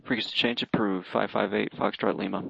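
A man speaking as a pilot making aviation radio calls to air traffic control, with halting, hesitant phrasing. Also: lowish voice, fairly even intonation, vocal fry. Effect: aviation radio transmission. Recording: dull, narrow radio-band sound.

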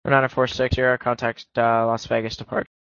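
A man working as an air traffic controller, issuing clearances in clipped radio phraseology. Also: mid-range voice, flat delivery, a little fast, fairly bright tone, no room sound. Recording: dull lo-fi radio audio.

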